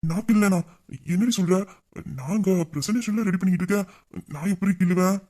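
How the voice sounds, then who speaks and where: A man's voice: sits high, brisk, a little mellow. A man playing a flirtatious male boss who teases a staff member in a Tamil audio drama. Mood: teasing. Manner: teasing, playful and bossy. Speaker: boss voicing a romantic male lead.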